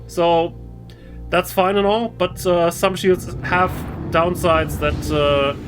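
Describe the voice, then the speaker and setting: A man's voice: high-pitched, steady tone, slow pace. A man casually commenting on his own gameplay, rambling and hesitant with frequent restarts. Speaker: gaming video host. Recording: game music clearly behind voice.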